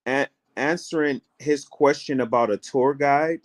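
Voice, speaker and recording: Here the American co-host of a casual call-in travel program has a mid-range voice and a measured pace. He presses his point with one rhetorical question after another, slipping into other people's voices as he goes.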